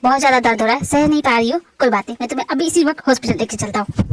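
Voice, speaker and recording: A young male doctor who protests and scolds in a high, light voice, voiced by a woman. Homemade fan-dub drama. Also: racing, background noise, close to an everyday voice. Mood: flustered. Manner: flustered protests, then stern scolding. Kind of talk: amateur Hindi fan dub.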